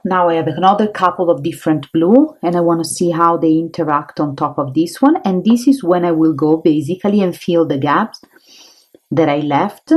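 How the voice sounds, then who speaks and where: An Italian-accented woman teaching an art tutorial, chatty and encouraging as she works. Her voice sits low and has a husky, breathy edge. She thinks aloud between strokes. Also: moderate pace, darkish tone, rough recording. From Italy.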